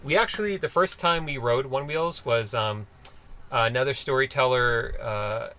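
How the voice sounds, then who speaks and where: Bright-voiced man co-hosting a live chat. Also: medium pitch, a little slow. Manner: relaxed, reads out viewer comments and answers them. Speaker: co-host reading viewer comments. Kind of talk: casual live-stream chat.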